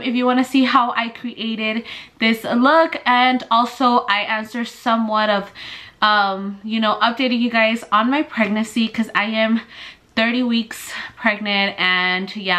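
A young woman in her twenties talks through her daily makeup as if chatting with a friend, leaning on "like" and "dude" between thoughts. Her voice sits a little high for a woman, and she sounds slightly short of breath as she goes. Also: bright, forceful tone. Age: 20s. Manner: chatty, filler-heavy with "like" and "dude". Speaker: family vlogger. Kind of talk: casual get-ready-with-me chat.

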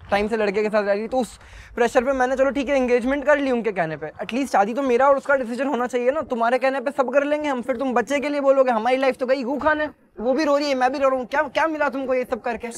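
A young man speaking as a reality show contestant in a confessional interview, emotional and earnest, mixing English phrases into his Hindi. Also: very high voice.

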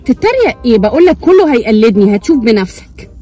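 A young Egyptian woman speaks quickly in a mellow, slightly high voice. She plays at being offended, insisting and coaxing by turns, from inside a car. Faint music plays underneath. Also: big pitch swings. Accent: Egyptian Arabic. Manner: playful, mock-offended. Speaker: vlogger, wife. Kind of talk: prank vlog banter.

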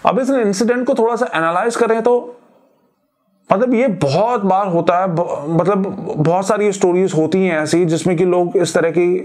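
Chatty high-voiced Indian man telling a horror story. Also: moderate pace, a little mellow. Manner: conversational, thinks aloud with many fillers and restarts. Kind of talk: casual retelling of a listener's story. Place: Delhi.

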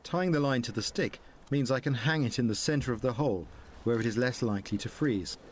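A middle-aged Englishman presents wilderness skills in documentary narration and outdoor explanation, calm, measured and friendly, clearly enthusiastic about nature. His medium-pitched voice is captured in a snowy forest on a clip-on mic, with faint ambient noise beneath.

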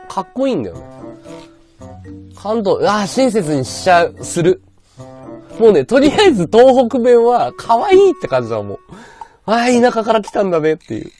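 A man's voice: high voice, warm tone. A man streaming live, chatting casually and answering his viewers' comments aloud. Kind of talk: casual livestream chat.

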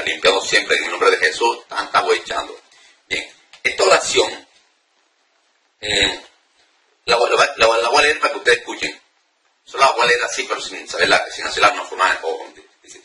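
A man with a lowish voice and a very bright, cutting edge gives an earnest teaching on prayer, repeating himself and restarting often. He speaks right to the listener. The sound is roomy, picked up from a distance, with faint background noise. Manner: earnest, repetitive, many restarts and fillers; addresses the listener directly. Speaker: deliverance preacher. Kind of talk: informal spiritual teaching to camera.

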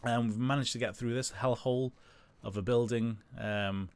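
A man's voice: mid-range voice, fairly even intonation, moderate pace, clear, resonant tone, dry recording. Hesitant man hosting game commentary. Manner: hesitant, many fillers, thinking out loud. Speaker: gaming channel host. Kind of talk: casual gameplay commentary.

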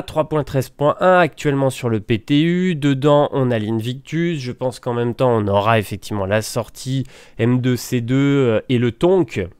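A man casually talking through gaming news on his video channel, excitable and colloquial, recording at his countryside home. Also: medium pitch, clean tone, no room sound, studio quality. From France. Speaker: gaming YouTuber.

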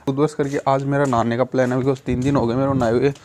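A man's voice: mid-range voice, little pitch movement, fast talker, a little mellow. A young man from Rajasthan vlogging casually, rambling to his viewers, filmed on a phone at home and in a shop. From Rajasthan, India. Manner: chatty and rambling, addresses viewers as guys. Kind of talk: casual vlog chat. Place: home courtyard, then a clothing shop. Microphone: phone camera, no earphone mic.

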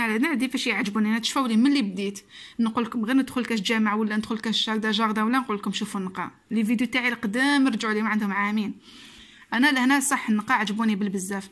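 A woman's voice: fairly high pitch, fairly bright tone. A woman with an Algerian Arabic accent chatting casually to camera in a vlog, repeating phrases for emphasis. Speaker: vlogger.

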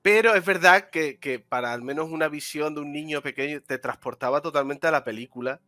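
Bright-voiced rambling Spanish podcast man. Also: on the high side, brisk, dry recording. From Andalusia, Spain. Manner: rambling, hesitant, self-deprecating, laughs often. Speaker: podcast co-host. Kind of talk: casual gaming podcast chat.

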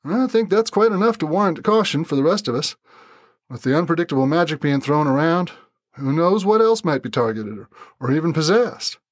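A man doing a soft Texan accent, calm young man, polite, measured, dry recording. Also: fairly high pitch, dry recording, voice pushed up. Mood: firm.

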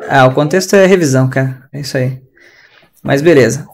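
A man's voice: medium pitch, fairly quick, vocal fry. A man with a Brazilian Portuguese accent teaching an online English class in a chatty, slangy, ranting way over a video call.

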